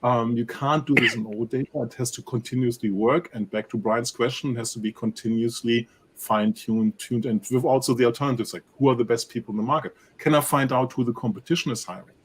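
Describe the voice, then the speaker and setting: A man with a German accent speaking as an analyst guest in a panel discussion, animated and peppering his points with rhetorical tag questions. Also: medium pitch, fast, hardly any pauses, slight background noise. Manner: animated, rhetorical "right?" tags.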